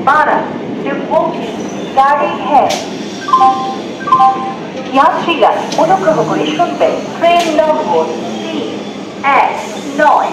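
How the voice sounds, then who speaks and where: High woman's voice on a station loudspeaker. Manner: slow, evenly spaced, pieced-together words. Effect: station loudspeaker announcement. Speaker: railway station announcer. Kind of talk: automated train announcement. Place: railway platform, outdoors. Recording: echoey loudspeaker over train noise. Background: trains and station ambience.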